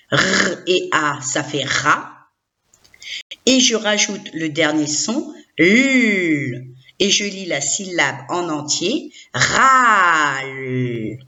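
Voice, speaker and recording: Woman teacher doing a kids' reading lesson, super slow and bouncy, sounds a bit muffled and lo-fi. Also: on the low side, sing-song, a bit bright. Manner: sounds out syllables one by one and has the listener repeat them. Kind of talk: recorded reading lesson for young children.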